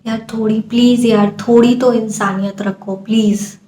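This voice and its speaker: A woman's voice: fairly high pitch, steady tone, measured pace, mellow, echoey room, a little hiss or hum. A young woman from India speaking earnestly and emotionally to camera, pleading at times as she vlogs. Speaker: vlogger. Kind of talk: impassioned talk to camera.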